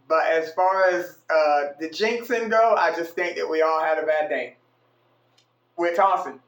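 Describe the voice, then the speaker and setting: A man telling a casual story about his own night out, animated and slangy, swearing freely. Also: a little high. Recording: echoey room.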